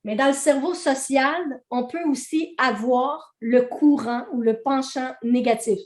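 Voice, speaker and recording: Québécois woman teaching, fairly high voice. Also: a little slow, darkish tone, echoey room. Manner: conversational, checks in with "ok?". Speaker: trainer. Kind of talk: teaching a training session.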